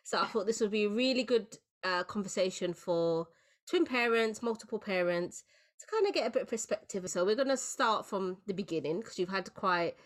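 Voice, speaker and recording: A woman's voice: mid-range voice, fairly quick. Podcast host, woman, casual and encouraging, mid-range voice. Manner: chatty, encouraging with frequent backchannels.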